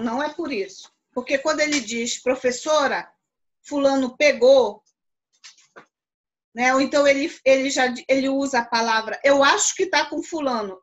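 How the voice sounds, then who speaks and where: Brazilian teacher lady, high voice, patient explainer on a video call class. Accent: Brazilian Portuguese. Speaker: philosophy teacher. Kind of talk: live online class.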